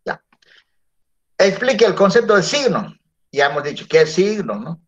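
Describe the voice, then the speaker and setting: A man's voice: sits high, very animated, moderate pace. A male teacher giving a classroom lecture, often checking in with his students through tag questions. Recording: dull lo-fi classroom recording.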